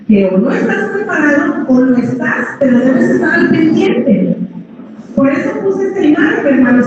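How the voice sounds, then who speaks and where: A woman with a big, strong voice preaching a sermon, often dropping low to address her listeners as brothers. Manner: addresses listeners as brothers, drops pitch on each "hermanos". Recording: echoey hall, from far off, dull sound, noisy.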